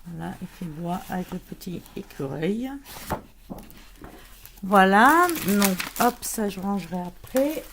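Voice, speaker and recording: A woman's voice: mid-range voice, takes it slowly, background noise. A woman chatting casually as she unboxes and shows scrapbooking paper, with lots of fillers and restarts. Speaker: scrapbooking vlogger.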